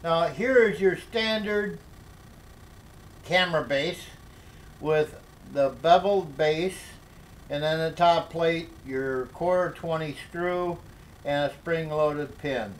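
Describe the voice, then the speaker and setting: An older man explaining a workshop project at his workbench, talking slowly with many fillers and restarts. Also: on the high side, slight background noise, poor audio. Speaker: DIY workshop instructor. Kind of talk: hands-on workshop tutorial.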